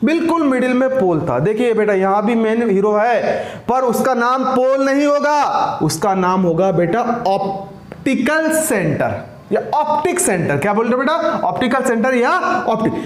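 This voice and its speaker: A male science teacher with a very high voice, lecturing a class in an echoey room. He fires questions at his students, repeats every answer back to them and calls them "beta" as he drives each point home. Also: lively intonation, normal speed.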